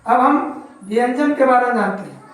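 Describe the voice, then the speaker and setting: A woman teaching a grammar lesson, explaining slowly and repeating each point. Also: a little high. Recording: very echoey room, far from mic.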